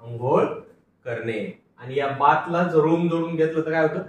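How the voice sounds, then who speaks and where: A man's voice: fairly high pitch, moderate pace, highs cut off. A male teacher giving a phonics lecture, patiently sounding out each word and repeating it for pupils to read along. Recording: echoey room from far off, faint noise.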